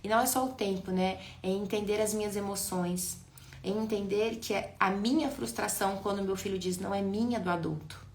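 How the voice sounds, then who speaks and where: A woman, an educator in neuroscience, giving a lively live talk and speaking straight to her viewers. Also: mid-range voice, a little fast, roomy sound. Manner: animated, addresses viewers directly.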